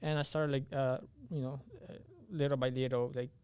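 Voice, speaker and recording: A young adult man from Honduras, a native Spanish speaker who moved to the US at nine, is an engineering student guesting on a podcast. He answers casually and often searches for his words. His voice is medium-pitched, fairly quick and smooth, with a darkish tone and little pitch movement.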